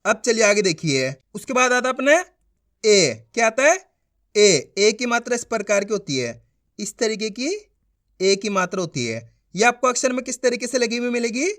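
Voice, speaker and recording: A patient woman leads a beginners' reading lesson, stretching out each syllable and repeating it so the learners can follow along. Her voice sits high and swings up and down a lot as she asks whether everything is clear. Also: big pitch swings, a bit bright. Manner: checks understanding with quick questions. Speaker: teacher.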